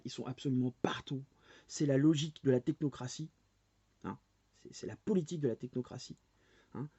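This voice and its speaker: A man's voice: a little high, dark tone, husky, dry recording. A man in his forties ranting angrily to camera, hammering his audience with rhetorical questions. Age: 40s. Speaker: vlogger. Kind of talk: angry monologue rant. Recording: dull lo-fi dry recording.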